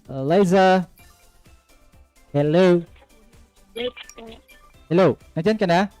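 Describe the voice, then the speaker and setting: A man's voice: high voice, drawn-out words, darkish tone, smooth, dry recording, faint music behind. A man hosting and judging an online singing contest live, giving friendly coaching feedback, often checking "okay?" and mixing in English phrases. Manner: mixes English phrases into his talk. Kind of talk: live-streamed contest hosting with phone calls.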